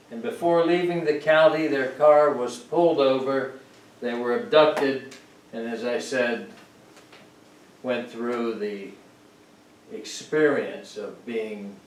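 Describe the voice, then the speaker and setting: An older man delivers a reflective sermon at an unhurried, deliberate pace, weighing each phrase with earnest gravity. His voice sits at an ordinary pitch and carries the reverberant sound of a church sanctuary, caught from a distance with faint room ambience behind. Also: slight background noise. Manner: slow, measured and earnest, pausing between phrases. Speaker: guest speaker at a congregation service. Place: sanctuary of a congregation.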